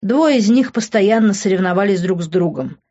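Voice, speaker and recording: A woman's voice: mid-range voice, expressive, moderate pace, warm tone, highs cut off. Woman narrating an emotive audiobook. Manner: emotive storytelling. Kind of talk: first-person audiobook narration.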